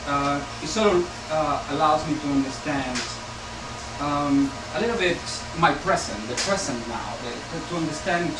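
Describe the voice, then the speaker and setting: Halting man on a panel. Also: fairly high pitch. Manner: halting, many restarts and fillers. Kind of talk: panel discussion answer. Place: gallery bookshop room with audience. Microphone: far camera. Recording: echoey room from far off, loud air conditioning hum.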